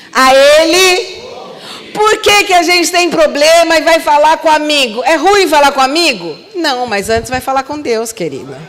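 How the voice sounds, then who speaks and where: A woman pastor with a Brazilian Portuguese accent preaching a sermon in church. She talks emphatically, moves between loud exhortation and soft asides, and calls on the congregation to repeat after her. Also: high-pitched. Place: church sanctuary. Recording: long church-hall reverb.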